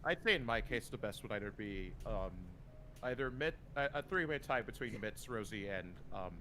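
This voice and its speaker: A man's voice: fairly low pitch, animated, moderate pace, bright, forceful tone, a little hiss or hum. A man, a game writer, chatting casually and joking on a live group Q&A stream. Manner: joking, breaks into bits and voices.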